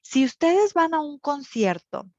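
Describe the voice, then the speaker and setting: A woman's voice: sits high, big pitch swings, unhurried, no room sound. Woman teacher w/ monterrey accent, explains w/ lots of fillers, dull dry lo-fi sound. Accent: Monterrey Mexican Spanish. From northern Mexico. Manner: explains with many fillers and tag questions. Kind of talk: online class lecture. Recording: dull, lo-fi recording.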